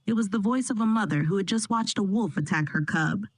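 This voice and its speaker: A woman narrating a first-person family drama in a steady, dramatic storytelling manner. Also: medium pitch, fairly quick, dry recording, low-quality recording.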